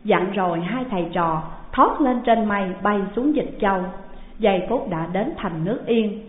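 A woman slowly reading out a classical tale, on a tinny, echoing recording. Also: medium pitch, expressive. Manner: slow, measured reading. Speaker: storyteller. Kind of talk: scripted narration of a classical tale. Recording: tinny phone-like sound, long hall echo.

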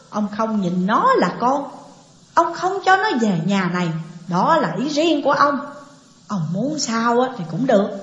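A woman's voice: high voice, voice pushed up. Woman voicing a bitter grieving mother. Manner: bitter, accusing, raised. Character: grieving angry middle-aged mother. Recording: echoey dull lo-fi recording.

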